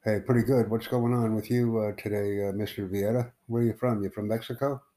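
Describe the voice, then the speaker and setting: A man from the United States hosts a casual live stream, talking with strangers he meets online. His voice sits low and sounds mellow and dark. He rambles and halts, leaning on fillers as he goes. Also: level tone. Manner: rambling, halting, with many fillers. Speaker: livestream host.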